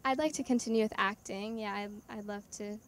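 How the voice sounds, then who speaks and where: An eighteen-year-old woman from North Carolina, a young actress answering interview questions in a relaxed, bubbly way with frequent ums. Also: mid-range voice, a little fast, slight background noise. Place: outdoors at an evening event.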